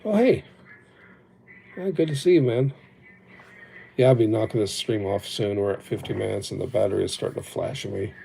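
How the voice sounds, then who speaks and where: Low-ish and warm but creaky, this man's voice moves a little fast and pauses often. A livestream host whose first language was Japanese, he rambles reflectively and pokes fun at himself, recorded on an old phone with slight background noise.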